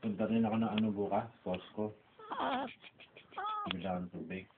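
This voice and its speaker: A man's voice: on the low side, fairly even intonation, normal speed. A man with a Filipino accent, a father chatting casually at home. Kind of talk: casual chat. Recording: muffled lo-fi home audio, clear noise.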